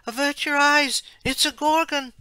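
A man's voice: steady tone, takes it slowly, pushed and bright, dry recording. A man voicing a young winged woman, earnest and brave, in a storybook reading. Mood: alarmed. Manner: raised pitch, urgent when alarmed.

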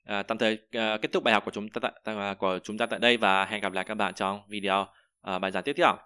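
A male language teacher working through a vocabulary list, saying each word several times and pausing on fillers as he thinks aloud. His voice sits low yet rings bright and forward. The sound is dry and close, with no room around it. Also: little pitch movement, clean tone, dry recording. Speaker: Chinese teacher. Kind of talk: vocabulary lesson.

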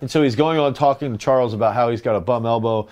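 A man's voice: medium pitch, quick pace, darkish tone. A man, a strength coach co-hosting a podcast, telling a rambling anecdote in casual chat. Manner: rambling anecdotes with quoted voices.

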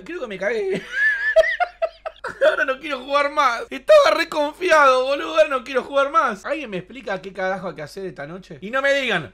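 A man with an Argentine accent commenting on a horror game as he plays, crude and excitable, swearing and laughing. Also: high-pitched. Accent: Rioplatense Argentine Spanish. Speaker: gaming streamer. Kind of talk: live gameplay commentary.

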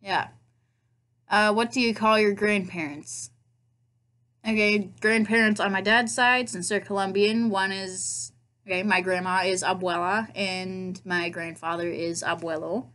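A young vlogger with a Nebraska accent, originally from Nebraska, USA, sits in her bedroom at home recording a casual accent tag video on her laptop webcam. Her medium-pitched, slightly bright voice stays steady and unhurried as she chats, teases herself, and drops playful asides.

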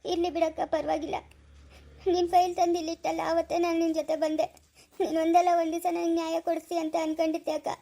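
The ghost of a wronged young woman, as a woman puts her on in a homemade drama. She pleads softly, with a high voice. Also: flat delivery, fast talker, creaky. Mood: sorrowful.

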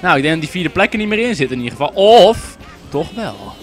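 A young man from the Netherlands talks through an online racing game in a high, bright voice that leaps up and down. He is excitable, breaking into shouts and curses when a race goes wrong. Faint game music plays under his voice. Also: racing. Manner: excitable, swears and yells at the game. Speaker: gaming YouTuber. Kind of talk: casual gameplay commentary.

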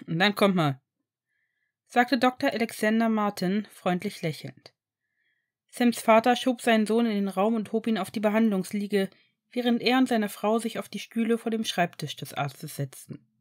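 A woman reading a novel aloud in steady, scripted storytelling narration. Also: mid-range voice. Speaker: audiobook narrator.

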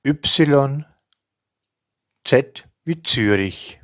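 A man in his fifties teaching a language lesson, reciting examples in a deliberate, carefully enunciated way. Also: medium pitch, animated, a bit bright, no echo, clean studio sound.

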